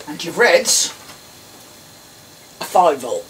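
In a small indoor workroom, a middle-aged Englishman rambles and thinks aloud while giving a casual hands-on DIY electronics tutorial. His voice is on the high side, sing-song and fairly bright, and he takes things slowly. The mic is distant and some background noise comes through.

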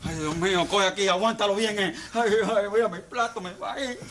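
A man with a Cuban accent playing an excitable, bossy old man in a TV comedy sketch, fretting and exclaiming often. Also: sits high, fairly quick. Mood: flustered fussing. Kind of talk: TV sitcom acting.

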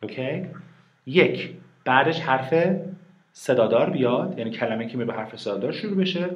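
A man with a medium-pitched, animated voice teaches an online private reading lesson, explaining in Persian with English examples. He patiently walks through grammar and asks his students questions, often answering them himself. The recording is muffled and echoey.

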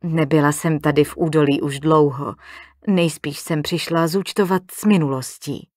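A woman's voice: low-pitched, fairly even intonation, a little mellow, no room sound, clean studio sound, voice pushed down. A woman reading an audiobook, voicing a frail, timid elderly woman who speaks with a trembling old voice, hesitant and apologetic.

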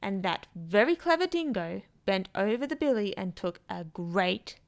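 A woman reading a children's picture book aloud in an expressive, dramatic way. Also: mid-range voice, normal speed. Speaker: children's storyteller.

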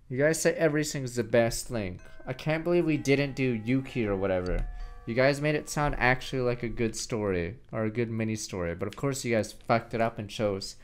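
A young man streaming a video game, reading its dialogue aloud and reacting in a brash, profane and excitable way while mocking his chat. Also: medium pitch. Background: faint game music.

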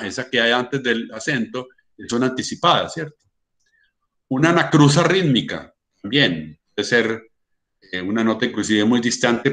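A man's voice: mid-range voice, a bit bright. Colombian man explaining music theory. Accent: Colombian Spanish. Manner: explanatory, sings rhythms in syllables, many fillers. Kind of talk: online lecture.

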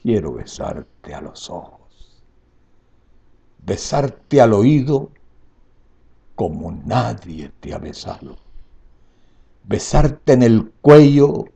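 Old guy in his 70s doing grand poetry declamation, really slow and drawn out, gravelly low voice. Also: sing-song. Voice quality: husky, gravelly. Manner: slow, dramatic phrasing with swelling emphasis and soft falls. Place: indoor room at home.

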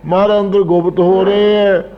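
A man's voice: sits high, little pitch movement, moderate pace, in a large hall, highs cut off. A man earnestly expounding scripture line by line, addressing his listeners directly.

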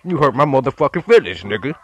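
A man's voice: medium pitch, sing-song, fast, slightly rough, highs cut off, voice pushed up. A man playing a brash, foul-mouthed prank caller. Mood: belligerent. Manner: belligerent, swearing, demanding apologies.

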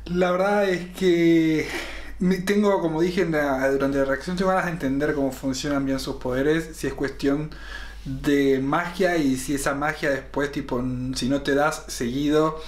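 A man's voice: on the high side, fairly even intonation, moderate pace, roomy sound. A young man casually reviewing a TV episode, thinking aloud with fillers while seated at a camera. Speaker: series reaction host. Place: room lined with collectible shelves. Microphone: fixed camera, seated facing it.

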